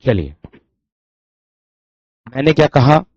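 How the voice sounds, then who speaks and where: A man's voice: mid-range voice, sing-song, slow pace, a little mellow, breathy edge, no echo. A man teaching a Hindi grammar class online, who keeps addressing students as dear friends and repeats his phrases. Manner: demonstrates sounds aloud, repeating syllables. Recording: dull dry lo-fi sound.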